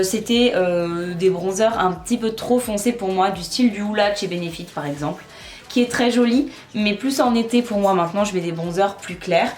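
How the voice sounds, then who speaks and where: Chatty woman vlogger in an echoey room. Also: medium pitch. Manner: chatty and self-mocking, talks while working. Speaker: beauty vlogger. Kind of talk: casual makeup tutorial chat. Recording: echoey room, faint music.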